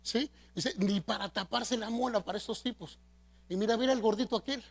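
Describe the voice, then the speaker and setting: A middle-aged Mexican pastor preaches in a high, bright voice. He calls on the congregation to repeat his words and shifts from forceful emphasis to hushed asides. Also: a little fast. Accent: Mexican Spanish. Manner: preaching with call-and-response, asking the congregation to repeat after him; shifts between loud emphasis and soft asides. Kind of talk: sermon.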